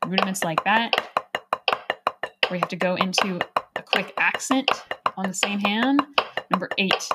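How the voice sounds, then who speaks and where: A woman giving a drum lesson, counting off beats in a calm, explaining way. Loud practice-pad drumming and metronome clicks play right behind her voice. Her pitch sits in an ordinary middle range. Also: normal speed, pauses often, very noisy. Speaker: drum teacher.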